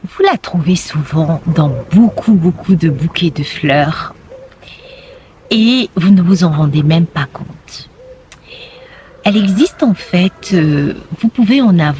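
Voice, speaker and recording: A woman vlogger talking casually to camera about plants, soft and reflective, drawing out her words and breathing some almost in a whisper. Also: on the low side, expressive, slow pace, slight background noise.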